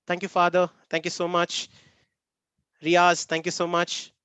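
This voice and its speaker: Male webinar trainer, Tamil Indian English accent, high register, informal and chatty with repeated thanks, dry sound. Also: completely flat delivery, measured pace, a bit bright, smooth, no echo. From Namakkal, Tamil Nadu, India. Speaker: workshop trainer and host. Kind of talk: informal online webinar sign-off, thanking participants by name. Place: online video meeting.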